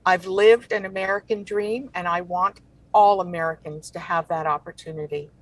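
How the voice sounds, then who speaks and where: A woman born in Cuba, a political candidate answering interview questions in an earnest, measured way. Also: lowish voice, steady tone, no room sound, low-quality recording.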